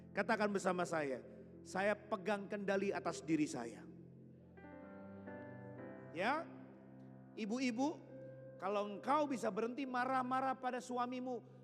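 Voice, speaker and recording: Man, pastor, sermon, high voice, joking, reverberant hall, soft music behind. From Indonesia. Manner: lively, joking preacher with sound effects and call-and-response. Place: church hall.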